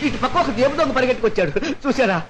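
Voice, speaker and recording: A man's voice: very high-pitched, lively intonation, racing, very noisy. An actor playing a police constable who keeps saying he is about to cry, blubbering and greedy for food. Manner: blubbering, always on the verge of tears. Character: weepy, gluttonous male police constable. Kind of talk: film comic acting.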